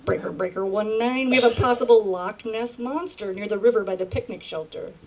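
Una donna che fa un operatore radio urgente via walkie-talkie. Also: female voice, medium pitch, brisk, far from the mic, pitched below the performer's own voice, poor audio. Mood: urgent. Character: park radio dispatcher, woman, urgent and official. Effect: over a park walkie-talkie radio.

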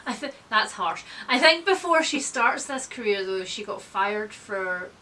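Speaking a little slowly, with lively intonation in a mid-range, pushed and bright voice, a book-video host in her thirties gives casual, opinionated takes. She's indoors among lined bookshelves, blunt and wry, with occasional mild swearing.

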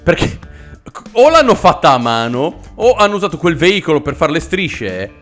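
Animated sarcastic man reacting. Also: a little high, moderate pace, soft background music. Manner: sarcastic, exasperated, mock outrage. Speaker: video reaction host. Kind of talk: casual comedic commentary.

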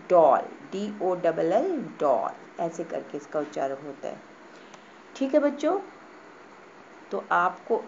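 A woman schoolteacher giving a lesson to young children, speaking slowly and patiently, repeating and spelling out words. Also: fairly low pitch, darkish tone, highs cut off, slight background noise. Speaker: school teacher. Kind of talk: online class lesson.

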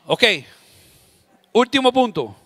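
A man preaching a sermon as a pastor, emphatic, repeating key phrases and swinging between loud and soft to act out scenes. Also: very high-pitched, sing-song, takes it slowly, dry recording.

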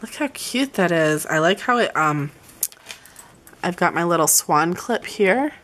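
A woman's voice: on the low side, animated, unhurried, a bit bright, slight background noise. A young woman gushing over her planner supplies in a casual vlog. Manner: chatty, gushing, says "y'all". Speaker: planner vlogger. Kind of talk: casual show-and-tell vlog.

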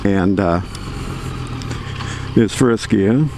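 A man's voice: lowish voice, drawn-out words. A man chatting casually and plainly as he rides a motorcycle, speaking into a microphone inside his helmet and often repeating himself. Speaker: motorcycle vlogger. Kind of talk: casual chat while riding. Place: outdoors riding a motorcycle on suburban roads. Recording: loud engine and wind noise, helmet mic.

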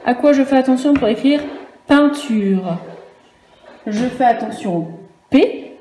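A woman teacher leads a lesson for young children, her slightly high, mellow voice moving at an unhurried pace. She patiently spells words out letter by letter. The room sounds echoey, with a faint hiss of noise behind her. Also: animated. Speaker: primary school teacher. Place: room at home for a virtual class.

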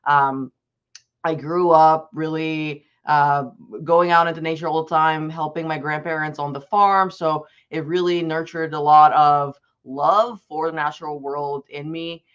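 Over a dull, lo-fi video call, a young Bulgarian man who works as an advocacy specialist tells students a personal story. He speaks on the high side, a little slowly, with fairly even intonation and a clean, fairly bright tone, sounding earnest and conversational while frequently restarting sentences.

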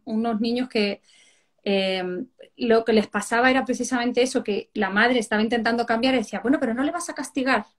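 A woman from Spain, a parenting educator on a live stream, who explains through animated stories and acts out the parents and children she quotes. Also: on the high side.

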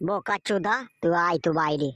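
A woman's voice: fairly low pitch, a little fast, no echo, studio quality, natural voice. A woman voicing a crude, foul-mouthed male friend in a comic cartoon, coarse and dismissive. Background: background music.

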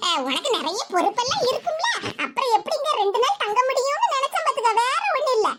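A woman's voice: extremely high pitch, big pitch swings, fast talker, heavy background noise. A woman voicing a flustered, grumbling cartoon mother with a Kanyakumari accent. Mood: sheepish. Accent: Kanyakumari Tamil. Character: grumbling middle-aged mother, scolding and easily flustered. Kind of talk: cartoon voice acting.

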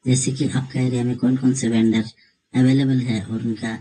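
A man's voice: mid-range voice, moderate pace, slightly rough, rough recording. A man narrating a screen tutorial, walking viewers step by step through an online form and calling them friends. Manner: steady step-by-step explaining, addresses viewers as friends. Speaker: tutorial presenter.

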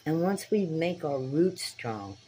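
Older woman, 60s, low-voiced and unhurried, earnest direct-to-camera vlogger on a phone mic, faint background hiss. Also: big pitch swings, mellow, breathy edge, rough recording. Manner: earnest, preacher-like, addresses viewers directly. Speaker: spiritual tarot vlogger. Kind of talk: casual talk to camera. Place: small dim room indoors. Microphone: phone camera at arm's length.

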